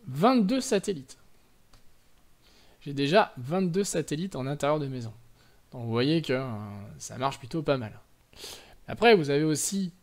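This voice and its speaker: A man hosting a casual tutorial at home, talking chattily with many fillers and self-corrections, with the odd joking aside. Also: fairly high pitch. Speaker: drone tutorial host. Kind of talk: casual screen-recorded tutorial. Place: indoors at home.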